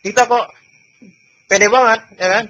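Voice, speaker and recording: A man teaching a classical religious book, slowly reading passages and explaining them in a chatty way, heard on old worn tape. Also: high-pitched, fairly even intonation, pushed and bright. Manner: chatty, chuckles often between points; reads classical text slowly then explains it. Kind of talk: classical book study lesson. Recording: dull lo-fi old tape with faint hiss.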